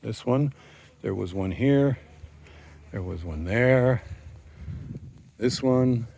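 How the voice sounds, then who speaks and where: A man narrating a casual walking tour of an old fortress outdoors, rambling with many pauses and fillers, recorded on a handheld camera mic. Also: mid-range voice, expressive, creaky, mellow. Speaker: tour guide vlogger.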